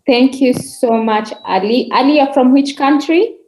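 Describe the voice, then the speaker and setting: A woman's voice: high-pitched, a little slow, noisy background. A woman moderating an online forum over a video call, encouraging speakers and calling on them by name. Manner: encouraging, calls on participants by name. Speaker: webinar moderator. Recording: roomy echo.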